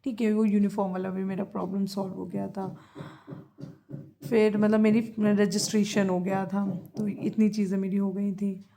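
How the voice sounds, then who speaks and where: A young Indian woman talks into a handheld phone camera about her day. Her voice sits at an ordinary middle pitch, and her chatty delivery keeps stopping to fix and reword her own phrases. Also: flat delivery, moderate pace, creaky, dark tone, a little hiss or hum. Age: 20s. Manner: chatty, self-correcting, mixes in English phrases. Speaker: vlogger. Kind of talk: casual diary vlog.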